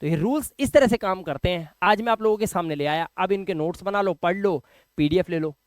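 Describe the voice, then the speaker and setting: A man gives an English lesson in a high, smooth, clear voice. He speaks emphatically, repeating words and asking the viewer questions. The sound is dry and close. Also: fairly quick, no echo. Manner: emphatic, repeats each word and quizzes the viewer. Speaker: English teacher. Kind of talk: spoken classroom lesson.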